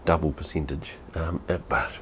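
This casual home vlog has a New Zealander in his fifties reviewing beer in a room with a TV at his back. His very deep voice is level and a bit bright, at a moderate pace, and he's blunt, sweary and repetitive. Slight background noise is audible.

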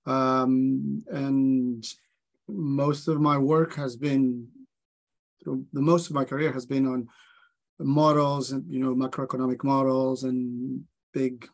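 A man's voice: medium pitch, little pitch movement, slow pace, creaky. A man from Colombia, introducing himself on a video call. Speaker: economist.

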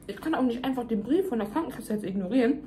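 A woman's voice: on the high side, lively intonation, quick pace, dark tone, a little hiss or hum. A young woman venting emphatically in casual chat to her viewers, talking while chewing. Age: young adult. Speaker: vlogger. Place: home kitchen, indoors.

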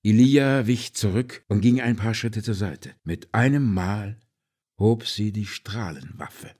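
A man narrating a space adventure audiobook. His voice sits on the low side and he tells the story dramatically, leaning hard on key words. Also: slow pace, darkish tone, husky. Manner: dramatic storytelling with varied emphasis. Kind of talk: scripted narration.

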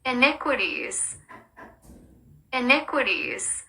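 A woman giving clear, deliberate model readings of words and verses for learners. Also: a little high, sing-song, pushed and bright, poor audio. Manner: clear, deliberate word-by-word delivery. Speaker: model reader. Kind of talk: slow model pronunciation reading.

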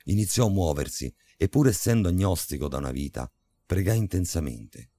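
A man narrating a scripted horror story in a dramatic, measured way. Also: low voice, lively intonation, dark tone, no echo. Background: faint music.

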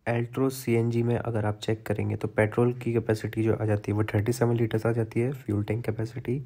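A man calmly explaining car features and specs during a casual walkaround at an indoor auto show, recorded on a handheld phone. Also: fairly low pitch, a little fast. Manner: calm, explanatory, gives specs. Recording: steady background noise.

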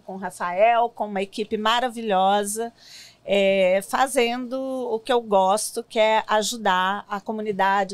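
Woman, 50s, from Minas Gerais, cheerful interview guest, medium pitch, dry studio sound. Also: dry recording. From Minas Gerais, Brazil. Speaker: city hall staff guest. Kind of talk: interview answers. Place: podcast studio. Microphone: boom-arm studio mic.

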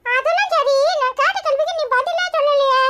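A woman doing a squeaky little Tirunelveli boy. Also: fairly quick, noisy background. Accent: Tirunelveli Tamil. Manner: chirpy, high-pitched childish chatter. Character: cheeky little boy, bossy and caring.

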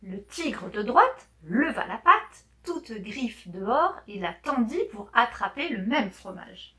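A woman slowly reading a children's story aloud for learners, clear and deliberate with gentle expression. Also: a little high, very animated.

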